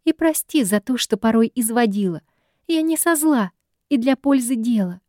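A woman's voice: expressive, normal speed, darkish tone, dry recording, studio quality, lightly acted. A woman reading an audiobook, voicing a doting, meddling ghost mother who gushes in a raised, theatrical voice. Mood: farewell. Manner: high, gushing and theatrical.

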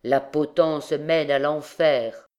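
A woman reading aloud gives voice to a stern older male archdeacon, grave and curt, in a low voice spoken slowly. Each admonition is short and severe. It is a classic novel read as an audiobook. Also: fairly even intonation, a little mellow.

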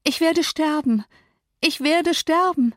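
A woman voicing a passionate, dying young woman who pleads in a high voice that breaks into cries. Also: expressive, measured pace, a little mellow, dry recording, clean studio sound. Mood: desperate.

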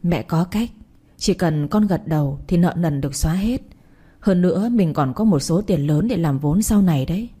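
A middle-aged mother in a storybook reading, desperate and begging. A woman acts her out in a low, breathy voice with a soft, mellow tone. Her speech is pleading throughout. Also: normal speed. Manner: pleading, tearful.

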